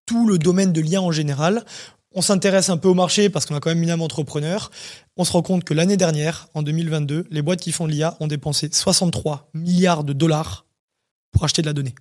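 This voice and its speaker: Fast-talking man explaining his startup. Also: on the high side. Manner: fast, energetic explaining with many fillers. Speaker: startup CEO, interview guest. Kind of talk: casual interview.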